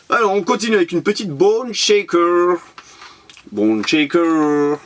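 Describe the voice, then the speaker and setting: A man from France chatting casually in a vlog as he shows off his toy-car purchases, rambling and repeating himself. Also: mid-range voice. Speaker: collector presenting his purchases.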